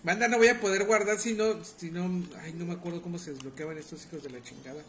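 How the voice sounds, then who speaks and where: In casual live gameplay commentary, a young Mexican Spanish-accented streamer jokes crudely and bants with his chat. His high voice is fast and fairly bright with fairly even intonation, over slight background noise.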